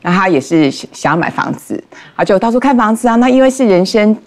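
A woman on a talk show telling a case story in lively detail, acting out the people she quotes. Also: medium pitch, quick pace, creaky. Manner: animated, acts out quoted dialogue. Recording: studio with background music.

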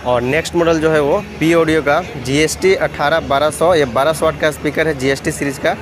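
A man vlogging through an expo hall, listing models and prices in a steady, repetitive way. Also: a little high, brisk. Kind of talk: walkthrough vlog listing prices. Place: busy indoor trade expo hall. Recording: noisy expo hall phone recording.

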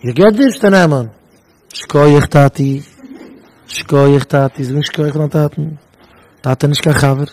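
Husky animated man giving a talk. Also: on the high side, slow pace, pauses often. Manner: animated, acts out children and parents' voices. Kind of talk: Yiddish lecture to students.

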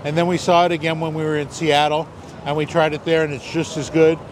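A man hosting a food vlog, calmly explaining each dish step by step in casual commentary, on a busy street. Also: fairly high pitch, brisk. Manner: easygoing, explains dishes step by step. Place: outdoors on a busy city street. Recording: busy crowd noise outdoors. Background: crowd chatter and passing traffic.

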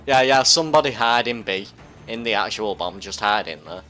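A man's voice: lowish voice, animated, normal speed, pushed and bright. A man chatting over in-game voice while playing a shooter, joking, trash-talking and breaking into silly singing. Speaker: gamer doing in-game voice chat. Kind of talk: casual game chat.

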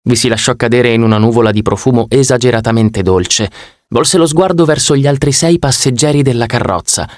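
A male audiobook narrator reads in the first person with a wry storytelling touch. His voice sits at a middle pitch. The studio sound is close and dry. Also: fairly quick, no echo.

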